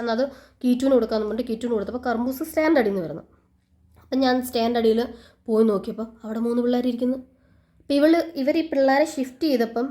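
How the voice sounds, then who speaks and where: A woman, telling a lively story in a casual home vlog. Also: fairly high pitch. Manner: lively storytelling, talks to her pets. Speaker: vlogger.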